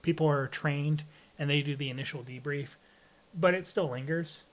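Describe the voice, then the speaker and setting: Explaining things plainly and reflectively, this man is an air traffic controller giving a candid podcast interview. He talks at a moderate pace with a fairly high pitch.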